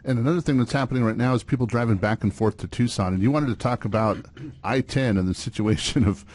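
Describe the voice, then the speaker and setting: A man's voice: mid-range voice, fast talker, a little mellow, no room sound. A man prompting a guest with casual questions in an interview.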